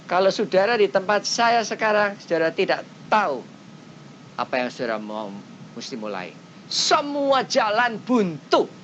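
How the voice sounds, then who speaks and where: Woman preacher, casual sermon delivery, sudden leaps to loud, high emphasis, muffled old tape with faint hum. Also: unhurried. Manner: animated, with big swings between loud high exclamations and low quiet asides; speaks in plain everyday phrasing, often addressing listeners directly. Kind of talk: colloquial sermon to a congregation. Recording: dull lo-fi cassette with faint rumble.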